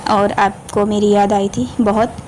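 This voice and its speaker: A gentle young husband, soft-spoken and teasing, voiced by a woman narrator in a romance audiobook. The delivery stays level and unhurried, with little rise and fall. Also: mid-range voice, little pitch movement, a little hiss or hum, lightly acted. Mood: tender. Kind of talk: audiobook character voicing.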